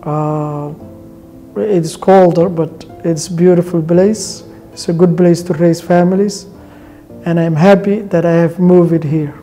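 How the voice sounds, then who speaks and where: A man delivers a composed, formal statement in a very dark, mellow voice. His pitch stays flat and steady throughout. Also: measured pace, faint music behind. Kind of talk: interview testimonial.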